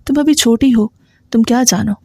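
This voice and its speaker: A harsh, dismissive father who talks down to his daughter in a gruff, scolding way, as a woman storyteller reads him. The reading voice is warm and mellow in a dry, close recording. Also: fairly high pitch, dry recording.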